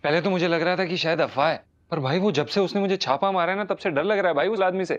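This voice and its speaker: A man's voice: sits high, fast, lo-fi sound, natural voice. An actor playing a polite, nervous man in a comedy TV serial. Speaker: lead comic character.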